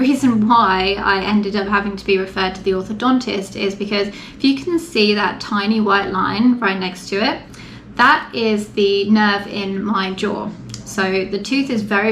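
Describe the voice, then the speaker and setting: A woman's voice: medium pitch, a bit bright. Woman vlogging casually in an echoey room. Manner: matter-of-fact, informal. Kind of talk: casual explanatory vlog to camera. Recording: echoey room with faint background noise.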